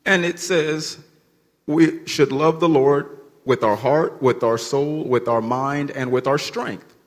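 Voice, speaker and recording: A man's voice: medium pitch, slow. A man with an American accent, a native English speaker who keeps it when speaking Spanish, teaching an audience in short plain phrases. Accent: American, also heard when speaking Spanish. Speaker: visiting speaker teaching a church seminar. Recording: echoey hall, long reverb.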